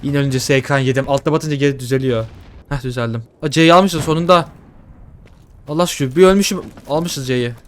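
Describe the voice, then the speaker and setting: A man giving casual, excitable commentary while playing a shooter game, joking and swearing at what happens. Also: mid-range voice, fairly quick. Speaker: gaming YouTuber. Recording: faint gunfire behind. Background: faint game gunfire and explosions.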